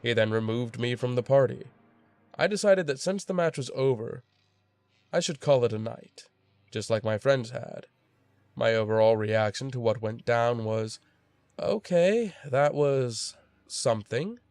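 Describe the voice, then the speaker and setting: A man's voice: mid-range voice, normal speed, a little mellow, smooth, no room sound. A young man narrating a true scary story in a casual, wry storytelling voice.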